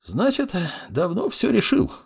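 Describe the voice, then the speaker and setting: A man voicing a gruff old male mage examiner in an audiobook, asking short, clipped questions. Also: a little high, huge pitch swings, normal speed, a little mellow, voice pushed up, heavily acted. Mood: gruff, curt. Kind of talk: audiobook character voice.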